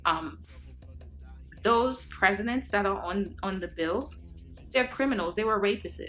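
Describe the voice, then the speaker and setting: A Haitian woman vlogs to camera, lecturing her viewers earnestly in a casual monologue full of fillers and restarts. Her mid-range voice is fairly bright and measured in pace, over soft background music.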